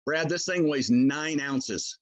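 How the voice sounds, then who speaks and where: A man's voice: on the high side, slow, highs cut off. A man explains his products in a casual interview, talking in a folksy, hesitant way as he works through the details. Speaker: game call maker, product expert.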